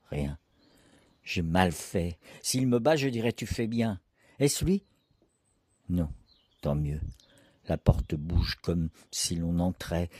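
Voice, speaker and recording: A man reading the part of a poor fisherman's anxious, guilty wife in a dramatic poetry reading, speaking in a halting, fearful way. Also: lowish voice, dark tone, breathy edge, no echo.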